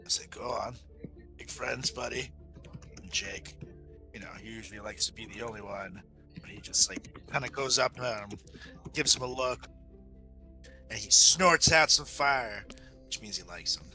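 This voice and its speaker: A man's voice: fairly low pitch, normal speed, pauses often, sharp tone, faint music behind. A man chatting casually as a player in a tabletop fantasy game, slipping in and out of character. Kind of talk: casual in-character play and banter.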